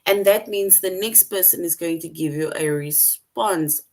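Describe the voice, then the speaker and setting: A woman's voice: on the low side, measured pace, darkish tone. A woman teaching an online English lesson to young children, patient and repetitive, often checking in with "right?".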